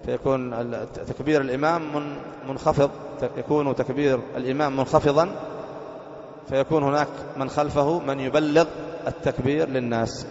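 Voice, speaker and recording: A sheikh teaching a classroom lesson on Islamic jurisprudence, explaining slowly, repeating phrases and asking his students questions. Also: fairly high pitch, darkish tone. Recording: dull echoey hall recording.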